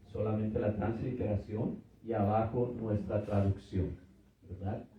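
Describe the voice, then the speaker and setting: A man's voice: lowish voice, level tone, unhurried, slight background noise. A middle-aged man teaching a church seminar, patiently repeating words and checking in with his listeners. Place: church hall with audience. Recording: echoey hall from far off, dull.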